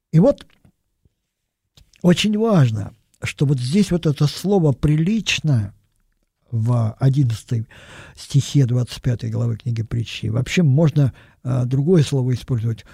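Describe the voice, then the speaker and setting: A man's voice: medium pitch, gravelly, warm tone, breathy edge, no echo, studio quality. An older man giving a thoughtful, digressive sermon and dwelling on single words. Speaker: preacher. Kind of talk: reflective sermon.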